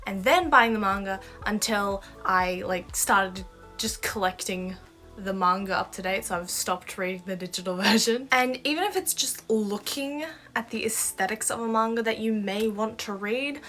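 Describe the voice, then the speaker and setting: A young Australian woman with an Australian accent talks to camera as a manga vlogger, casual, chatty and enthusiastic, with asides and laughs. Her voice is medium in pitch, a bit bright, at normal speed, with faint background music.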